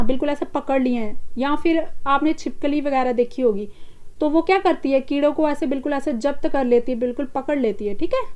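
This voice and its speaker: High-voiced Indian woman teaching vocabulary. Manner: explains in Hindi, reads English options slowly. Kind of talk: exam-prep vocabulary lesson.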